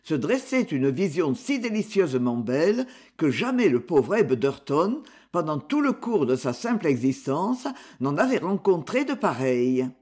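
Lively, high-voiced male storyteller. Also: a little slow. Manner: expressive, dramatic reading. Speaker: audiobook narrator. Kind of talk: storybook narration.

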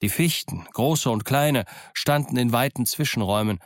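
A man narrating an audiobook in a calm, measured storytelling voice. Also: mid-range voice, no echo, studio quality. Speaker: audiobook reader. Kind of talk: scripted narration.

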